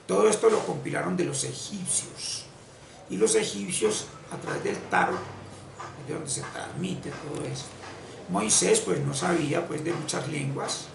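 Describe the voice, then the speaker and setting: Gravelly-voiced guy teaching spiritual stuff, pitch swings up and down a lot, stops and restarts a ton, sounds a bit far off in a roomy space. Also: animated, noisy background. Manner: halting, repeats phrases while searching for words. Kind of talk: unscripted religious lecture. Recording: echoey room, voice off-mic, faint ambience.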